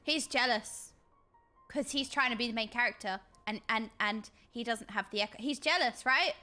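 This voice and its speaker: A woman livestreaming a video game with playful, excitable commentary and exaggerated reactions. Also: on the high side, normal speed. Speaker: streamer playing a video game. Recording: game music behind the voice.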